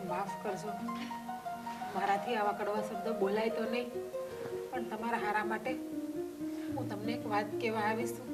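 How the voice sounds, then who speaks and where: An actress playing a young village sister-in-law who pleads earnestly, with a Kathiawadi Gujarati accent. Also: female voice, a little high, natural voice. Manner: pleading, apologetic. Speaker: actor. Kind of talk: village family drama acting. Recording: distant voice over loud music.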